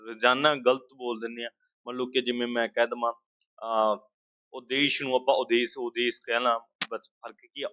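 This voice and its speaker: A man teaches an exam-prep language lesson at a mid pitch. He walks through everyday examples and keeps asking and answering his own questions. The sound is dry and close, with no room echo. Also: pushed and bright.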